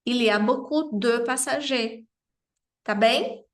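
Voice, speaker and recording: A woman's voice: on the high side, takes it slowly. A woman teaching French grammar to beginners, checking in with her students often and stressing each French phrase as she says it. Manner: didactic, checks in often with "tá bem?".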